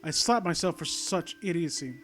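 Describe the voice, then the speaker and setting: Reading an online horror story aloud, this host has an expressive, fairly bright voice on the high side, moving at a moderate pace. He repeatedly breaks off to mock it with exasperated sarcasm and swearing, while glockenspiel-style game music runs underneath.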